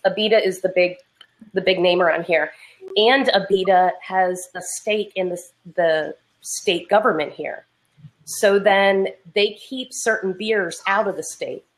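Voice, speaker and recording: A woman's voice: mid-range voice, a little slow. A woman from Pennsylvania joining a casual beer chat, talking with a slight lisp. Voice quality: slightly lispy.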